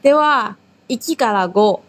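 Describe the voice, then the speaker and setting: Woman from Taiwan, language teacher, slightly high voice, patient drawn-out delivery. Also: expressive. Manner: slow, drawn-out model pronunciation. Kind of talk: paced language lesson.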